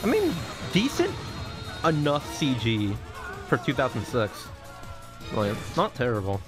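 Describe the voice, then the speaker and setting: A man does casual live reaction commentary as a streamer. His mid-range voice is amused and laid-back, with loud soundtrack music underneath. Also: medium pitch, wildly swooping pitch, unhurried. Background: soundtrack of cartoon being watched.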